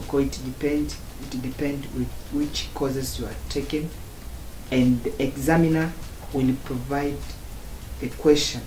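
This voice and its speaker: A man from Tanzania, giving a student testimonial in slow, halting phrases broken into short chunks. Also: medium pitch, warm tone. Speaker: former student giving a review. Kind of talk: spoken testimonial. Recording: roomy echo, faint background noise.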